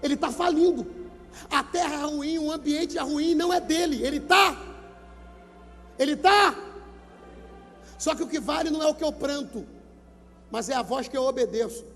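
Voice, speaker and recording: Pastor with a Brazilian accent, very high-pitched, preaching emphatically into a handheld mic in a gymnasium with long reverb. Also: male voice, normal speed, long pauses, faint music behind. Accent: Brazilian Portuguese. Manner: emphatic preaching, repeats numbers, urges listeners to shout. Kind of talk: sermon at a youth event. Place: large gymnasium. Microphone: handheld microphone.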